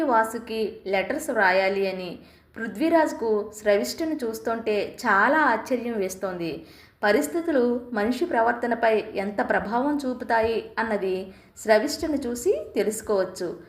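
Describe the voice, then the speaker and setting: A woman reading a story aloud in a calm, measured scripted narration. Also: fairly high pitch. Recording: roomy echo.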